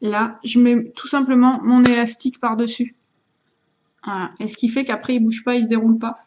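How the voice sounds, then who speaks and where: A woman's voice: a little high, level tone, fairly quick, a little mellow, muffled recording, slight background noise. A woman casually showing and explaining equipment to her viewers, hesitating often with fillers and restarts. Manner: chatty, talks to the viewers while handling objects. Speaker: vlogger showing vaping gear. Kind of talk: casual how-to demonstration.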